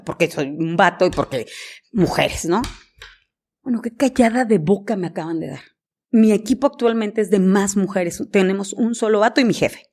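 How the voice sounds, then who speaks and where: A woman journalist with a Mexican Spanish accent, a guest on a podcast, telling stories and acting out the dialogue. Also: medium pitch. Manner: animated storyteller, acts out dialogue. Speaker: guest, journalist and news director. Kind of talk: conversational podcast interview.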